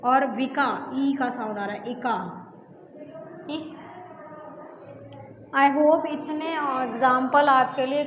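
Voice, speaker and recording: A woman's voice: high voice, fairly bright tone. A woman teaching a grammar lesson for exam preparation, talking patiently and repeating each example, often checking in with her students. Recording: echoey room, dull sound, faint hiss.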